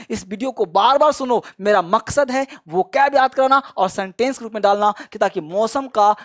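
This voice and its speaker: A man teaching a spoken English lesson, repeating example sentences slowly and adding encouraging, chatty asides to the learners. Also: sits high. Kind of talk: online language lesson.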